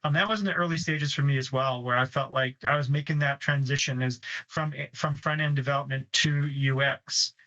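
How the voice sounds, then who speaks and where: A man's voice: medium pitch, fairly even intonation, brisk, hardly any pauses, sharp tone, highs cut off. A man co-hosting a podcast in casual conversation, easygoing and self-deprecating about his past. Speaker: podcast co-host.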